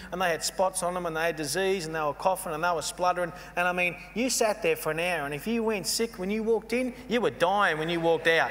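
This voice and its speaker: A man giving a storytelling keynote speech, animated and mocking as he acts out scenes. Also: high-pitched. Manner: animated, mocking, playfully acts out quoted voices. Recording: long hall reverb with faint hum.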